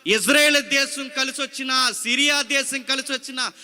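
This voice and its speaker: A man's voice: very high-pitched, normal speed, sharp tone, long reverb tail. A male pastor preaching a sermon, dramatic and full of rhetorical questions to the congregation. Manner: repeats scripture phrase by phrase after a reader.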